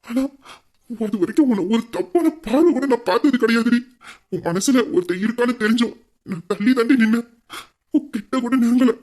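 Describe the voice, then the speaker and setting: A woman voicing a possessive young man who calls himself king, in an audio romance drama, talking intensely and dropping low to threaten. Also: expressive, fairly quick, a little mellow. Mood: passionate. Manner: intense, lowers voice to menace.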